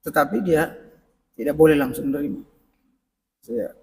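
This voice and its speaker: A man's voice: on the high side, normal speed, slight background noise. A middle-aged male preacher giving a conversational parenting lecture in a mosque and speaking directly to the congregation. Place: mosque hall. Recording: echoey mosque hall, mic at a distance.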